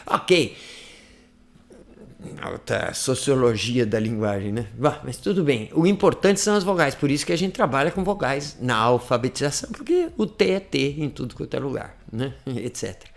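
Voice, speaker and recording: A man's voice: mid-range voice, animated, normal speed, creaky. A man giving a casual, chatty language lesson, repeating phrases to demonstrate. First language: Portuguese. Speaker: language teacher.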